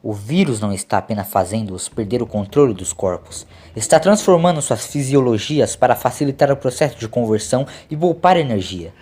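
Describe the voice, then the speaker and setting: A man's voice: mid-range voice, animated, fairly quick, few pauses, a little mellow, slightly rough. A man voicing an urgent, compassionate adventurer doctor in a dramatic, commanding manner. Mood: grave.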